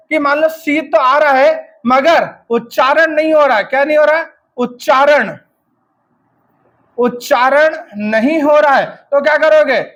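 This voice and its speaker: Brief: man, has a cold, high voice, exam-prep teacher spelling words out and quizzing himself. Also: fairly bright tone. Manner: drilling by asking and answering his own questions, spelling letter by letter.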